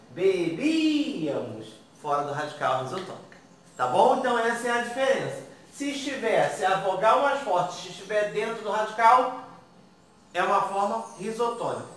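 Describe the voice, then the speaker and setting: A man's voice: high voice, brisk, a bit bright. A man teaching a grammar lesson, asking the class questions and answering them himself, with frequent check-ins. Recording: echoey room from far off, faint noise.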